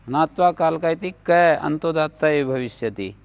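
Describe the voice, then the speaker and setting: Gravelly man teaching Sanskrit grammar. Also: fairly high pitch, normal speed, no room sound. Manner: explains rule by rule, checks understanding. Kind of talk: classroom lecture.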